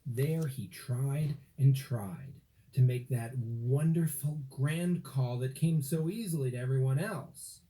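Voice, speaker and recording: Reading from a script, a man with a medium-pitched voice narrates a children's story. His phrasing is dramatic and deliberate, with expressive emphasis.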